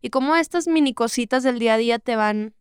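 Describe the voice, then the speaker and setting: Young mexican woman from monterrey, crisp dry close sound, chatty guest. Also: on the high side, fast talker, no room sound. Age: 20s. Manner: thoughtful, lots of fillers like "o sea" and "¿sabes?". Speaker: guest, singer. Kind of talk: casual interview chat.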